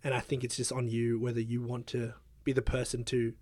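A man's voice: mid-range voice, monotone, brisk, no echo. A young man, a guest in a casual interview, talking hesitantly with lots of fillers. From Australia. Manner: hesitant, filler-heavy, soft-spoken.

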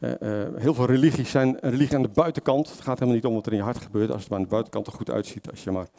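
Man, lay preacher, informal sermon, chatty and hesitant, mid-pitched. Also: racing, vocal fry, mellow. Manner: conversational, many fillers and self-corrections, asks the congregation questions.

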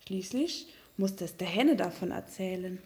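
Eine Frau, die ein Märchen ausdrucksvoll und sanft vorliest. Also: female voice, fairly low pitch, lively intonation, unhurried, background noise. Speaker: storyteller. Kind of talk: fairy tale reading.

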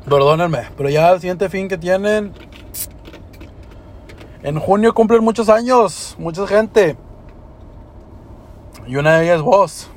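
A man's voice: high-pitched, measured pace, pauses often, a little hiss or hum. Slangy young man, podcast host. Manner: slangy, swears, rambling and emotional. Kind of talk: casual podcast chat.

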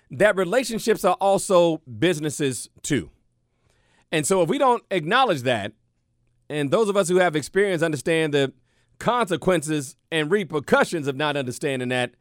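A middle-aged man hosting a radio talk show, speaking in a lively, conversational way and repeating his points for emphasis. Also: fairly high pitch, dry recording, studio quality. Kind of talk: casual radio talk monologue. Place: radio studio.

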